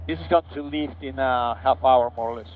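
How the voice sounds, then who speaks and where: A man's voice: mid-range voice, fairly quick. A man who is a pilot, talking casually and making radio calls as a pilot over the radio. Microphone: aviation headset. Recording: muffled narrow-band cockpit headset audio.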